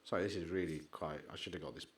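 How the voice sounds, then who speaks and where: A man co-hosting a podcast, chatting excitably and rambling, trailing off into mumbles while he searches. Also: sits low, very fast. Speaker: podcast co-host. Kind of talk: casual chat.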